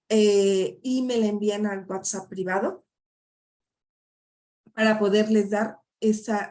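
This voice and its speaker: A woman's voice: medium pitch, a little mellow. A middle-aged woman, a life coach giving a chatty workshop talk full of tag questions. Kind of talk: live online workshop talk.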